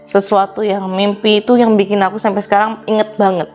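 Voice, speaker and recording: A woman's voice: medium pitch, level tone, fairly quick, a little mellow, soft background music. A woman, a podcast guest, earnestly retelling her own eerie experience in casual conversation, with many fillers. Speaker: guest storyteller. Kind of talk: personal ghost story told in conversation.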